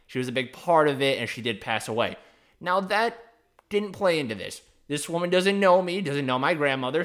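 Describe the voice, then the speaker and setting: A man's voice: mid-range voice, fairly bright tone. Rambling, profane male podcast host. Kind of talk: casual storytelling.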